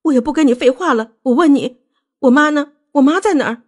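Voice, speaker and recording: A shrill, hysterical young wife in an audiobook drama, as a woman reader puts her on. Her voice jumps far above the narration, loud and piercing, full of tearful accusations and screaming outbursts. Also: sing-song, brisk. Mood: shrill hysteria.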